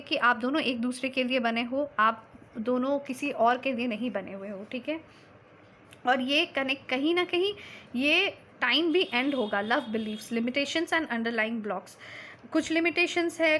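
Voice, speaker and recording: A woman's voice: high-pitched, a bit bright, slight background noise. A woman tarot reader speaking to her viewers in a reassuring way, mixing in English and often checking in with a tag question. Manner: reassuring, mixes Hindi and English, frequent "theek hai?". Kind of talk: tarot reading to camera.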